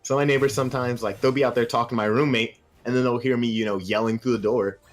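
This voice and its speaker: A young man casting a video game match live, joking casually and getting faster and louder during fights. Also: mid-range voice, fairly even intonation, faint music behind. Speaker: esports caster.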